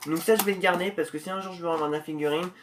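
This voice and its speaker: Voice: mid-range voice, racing, background noise. Chatty, slangy unboxing host. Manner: slangy and chatty, with many hesitations; excitable when opening the package. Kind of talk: casual unboxing commentary.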